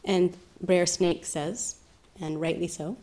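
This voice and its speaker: Woman meditation teacher, lowish voice, soft and reflective delivery. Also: fairly even intonation, slow. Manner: soft-spoken, thoughtful, with gentle laughs. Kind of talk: reflective dharma talk.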